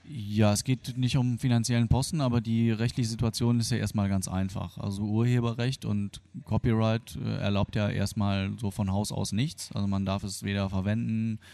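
An interviewee who grew up in Germany after being born Argentine, this free software developer explains things casually and with hesitation. His low, dark voice shows little pitch movement and some vocal fry, moving at normal speed with few pauses, and there's no echo.

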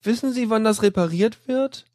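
A man's voice: high voice, moderate pace, a little mellow, dry recording, studio quality, voice pushed up, natural voice. A man reading aloud and voicing a whiny, nervous male computer user who pleads and complains. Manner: plaintive, pleading. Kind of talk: audiobook reading.

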